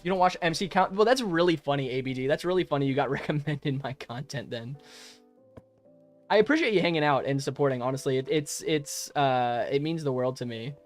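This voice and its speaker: Soft background music plays as a young adult man streams his gameplay and answers chat. His voice is a little high and a little fast, and he chats in a friendly, rambling way, often laughing and starting over, on a modest home microphone.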